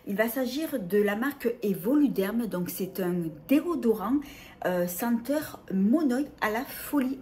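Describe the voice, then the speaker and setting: A woman's voice: medium pitch, mellow, a little hiss or hum. Hesitant middle-aged woman chatting about a haul. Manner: hesitant, many fillers and restarts. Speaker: beauty vlogger. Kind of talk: casual haul chat.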